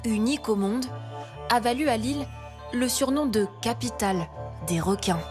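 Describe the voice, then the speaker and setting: A woman narrating a scripted nature documentary travel report in a measured voice-over with dramatic phrasing. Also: on the high side, animated. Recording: voice-over mixed with prominent music. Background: music under the voice.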